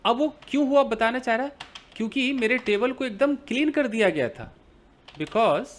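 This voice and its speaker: A man's voice: very high voice, expressive, moderate pace, slight background noise. A man teaching an English grammar lesson in Hindi, explaining with everyday examples and asking and answering his own questions.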